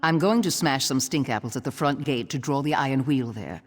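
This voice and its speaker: An actress playing a stubborn, sarcastic retired thief in a game cutscene, speaking in a dry, exasperated way. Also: female voice, extremely low pitch, fairly quick, breathy edge, in a large hall. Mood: sardonic.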